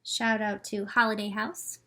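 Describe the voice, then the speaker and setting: Unhurried and medium in pitch, a woman runs a children's library storytime, reading and chatting in simple, expressive language aimed right at her young audience.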